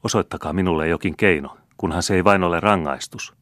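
Proud young nobleman, resolute and firm, deep voice from a male narrator. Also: a bit bright, no echo, clean studio sound. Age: young adult.

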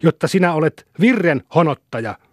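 A man voicing a nagging wife who scolds her husband in a shrill, raised voice, in an audiobook reading. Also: very animated, a little mellow, dry recording, clean studio sound. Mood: scolding. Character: nagging wife of a parish clerk.

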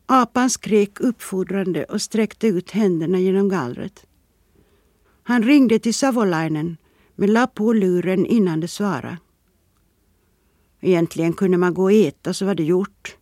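A reader giving calm, measured scripted narration of a literary story. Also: medium pitch, no room sound, studio quality. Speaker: audiobook reader.

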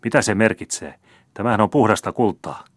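A man voicing a scornful, grasping old rich merchant who scolds loudly in an audiobook reading. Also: fairly low pitch, no room sound, studio quality, pitched above the performer's own voice, natural voice. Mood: scolding. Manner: contemptuous, grasping, rising to loud scolding.

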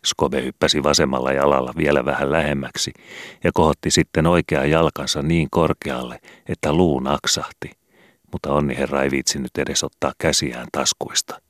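A man reading a children's book aloud in calm, measured scripted narration. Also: very deep voice, no room sound, studio quality. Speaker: audiobook reader.

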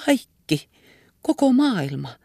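A woman's voice: medium pitch, sing-song, vocal fry, mellow, dry recording, clean studio sound, voice pushed up. A woman reader voicing an anxious young woman who pleads tenderly and earnestly. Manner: earnest and imploring.

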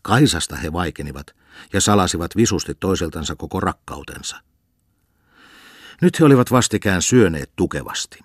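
A man reading a novel aloud as an audiobook narrator, in an even storytelling manner. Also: deep voice, no echo, clean studio sound. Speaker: audiobook reader.

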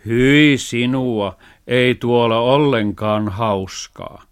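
A man voicing a sulky talking cow in a children's story reading, drawing out his words slowly. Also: mid-range voice, clean tone, lightly acted. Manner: drawn-out, slow drawl.

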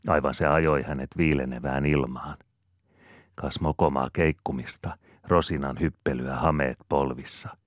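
Man, very low voice, audiobook narration, measured and even, dry close sound. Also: dry recording. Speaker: audiobook reader. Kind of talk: scripted narration.

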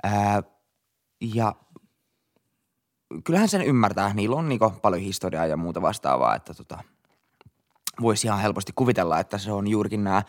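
Matalaääninen nuori mies juttelee podcastissa rennosti. Hän puhuu verkkaisesti ja täyttää taukoja öö-äänillä kertoessaan omia kokemuksiaan. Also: male voice, on the low side. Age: young adult. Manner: relaxed, with many hesitation fillers. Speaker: podcast co-host. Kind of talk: casual podcast chat.

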